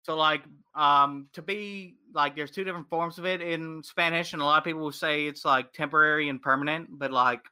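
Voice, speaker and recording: Bright-voiced young man chatting casually. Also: fairly high pitch, steady tone, brisk, hardly any pauses, clear, resonant tone. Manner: rambling, swears casually. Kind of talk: casual chat.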